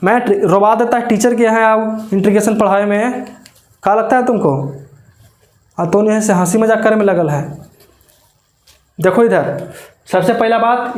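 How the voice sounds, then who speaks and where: A man's voice: high-pitched, darkish tone. A man teaching a maths coaching class, chatty and often checking whether his students follow. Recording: echoey classroom.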